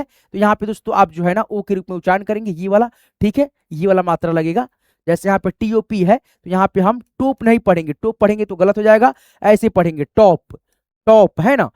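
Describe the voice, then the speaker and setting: A man's voice: high voice, darkish tone, dry recording, clean studio sound. A man teaching an online lesson, spelling English words letter by letter and quizzing viewers with repeated friendly fillers. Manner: repeats "doston" and "theek hai", quizzes the viewer.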